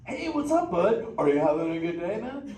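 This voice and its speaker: Picture a mellow, slang-slinging surfer turtle, as a man acts him out, his high voice leaping all over the place. He riffs playfully, heard from across an echoey theater with steady noise underneath. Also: normal speed. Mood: stoked. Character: laid-back male sea turtle surfer dude. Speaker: live show character chatting with audience. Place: indoor theater show. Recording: echoey theater, distant, noisy.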